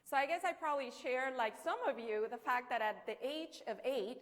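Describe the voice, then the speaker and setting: Lady giving a keynote, high voice, big hall echo, chatty storytelling, asks the crowd questions. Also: brisk. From Colombia. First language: Spanish. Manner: animated storytelling with rhetorical questions and humor. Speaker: keynote speaker. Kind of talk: conference keynote speech. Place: conference hall. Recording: long hall reverb.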